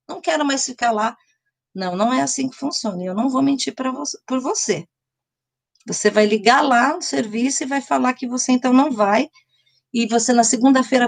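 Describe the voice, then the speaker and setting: A middle-aged woman from Brazil, telling a personal story on a live stream in a rambling, chatty way, often restarting and speaking directly to viewers. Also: medium pitch.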